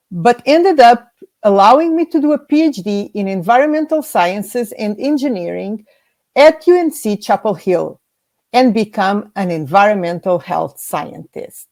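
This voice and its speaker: A woman from Portugal walks through her slides in a measured, orderly way. Her pitch moves a lot as she goes through each list. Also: lively intonation, darkish tone. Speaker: guest scientist presenting. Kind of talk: prepared slide presentation.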